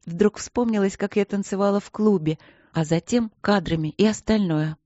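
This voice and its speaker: A woman narrating an audiobook in the first person, calm and reflective. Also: medium pitch, moderate pace, dry recording, muffled recording.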